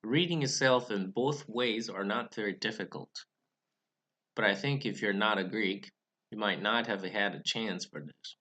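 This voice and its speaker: A young man who speaks English as a second language hosts a Bible study channel, delivering a scripted talk to camera about reading Greek scripture. His voice sits fairly low and sounds pushed and bright. He speaks carefully and in a measured way, restarting now and then.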